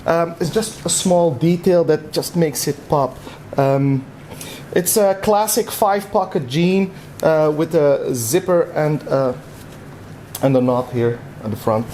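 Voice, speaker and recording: A man's voice: on the high side, takes it slowly, a little hiss or hum. Dutch man chatting through an unboxing. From Netherlands. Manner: relaxed, rambling, frequent "uh" fillers. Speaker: vlog co-host. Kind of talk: casual unboxing chat.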